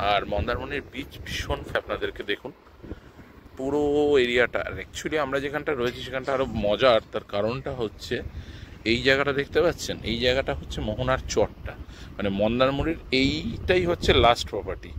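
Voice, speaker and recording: A travel vlogger with a medium-pitched, slightly bright voice narrates casually and unscripted on an open sea beach, repeating and rephrasing as he explains. Wind hits the mic amid outdoor ambience, and the recording quality is low.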